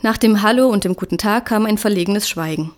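Woman narrator reading a novel aloud, steady storytelling delivery. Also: mid-range voice, fairly quick. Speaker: audiobook narrator. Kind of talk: scripted narration.

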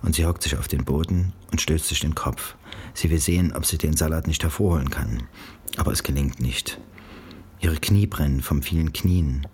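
A man reads literary prose aloud in calm, measured narration. His voice sits very low. It has a husky, breathy grain. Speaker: audiobook reader. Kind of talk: literary reading.

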